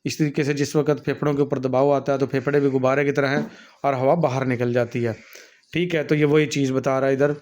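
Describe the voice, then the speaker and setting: Patient man teaching anatomy, flat delivery. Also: mid-range voice, a little fast. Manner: patient, calls students "beta" often; frequent fillers and self-corrections. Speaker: nursing and health teacher. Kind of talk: classroom lecture with diagrams.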